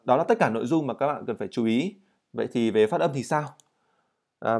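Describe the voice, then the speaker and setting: A man's voice: medium pitch, darkish tone. Man teaching English pronunciation. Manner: models English words slowly, then explains quickly. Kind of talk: vocabulary and pronunciation lesson.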